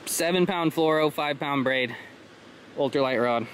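A man's voice: on the high side, a little slow. A man talking casually and coaching a friend while ice fishing outdoors. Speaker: fishing companion. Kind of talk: casual chat. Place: frozen lake outdoors. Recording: loud outdoor wind noise.

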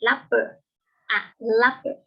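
A young woman teaching an English vocabulary lesson, explaining patiently step by step and slowing down on each English word. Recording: dull lo-fi home recording.

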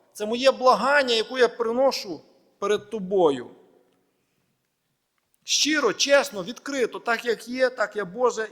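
Male pastor, high voice, sermon delivery with emphatic lists, long hall reverb. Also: sharp tone. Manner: measured preaching in short phrases, with emphatic lists. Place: church hall.

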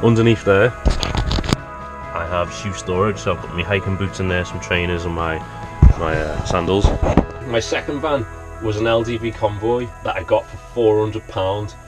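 A man in his thirties from Liverpool, England, with a fairly low voice chattily tours his small wooden camper van at normal speed, explaining each feature as he points it out. He's filmed close up on a handheld action camera, and the low-quality recording has loud music behind him.

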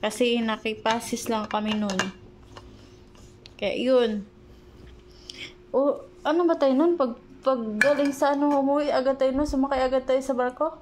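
A woman's voice: sits high, steady tone, normal speed, long pauses, darkish tone, a little hiss or hum. A young pregnant woman chatting casually to her vlog viewers, rambling and searching for words with many fillers, a little short of breath. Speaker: vlogger.

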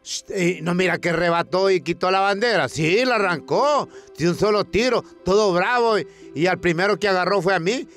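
A man's voice: high voice, moderate pace, hardly any pauses, a bit bright, soft background music. A man with a Honduran accent telling a comic news monologue in a colloquial, storytelling way, acting out protest chants. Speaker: comic presenter.

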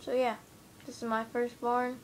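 A woman's voice: a little high, flat delivery, unhurried, slight background noise. Rambling woman touring a game build. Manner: rambling, hesitant, many fillers. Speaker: gamer giving a tour of a game build. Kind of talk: casual gameplay walkthrough. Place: home room, in front of a TV. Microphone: handheld camera filming the TV screen.

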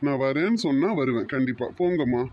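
A performer voicing a teasing but protective young man who calms his girlfriend, in an amateur audio romance story. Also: medium pitch, fast, muffled recording, slight background noise, natural voice. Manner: teasing, reassuring.

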